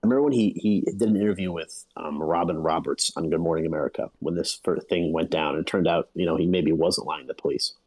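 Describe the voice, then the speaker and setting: A man's voice: low-pitched, quick pace, few pauses, darkish tone, poor audio. A man co-hosting a casual podcast chat, talking in emphatic, incredulous bursts. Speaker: podcast co-host.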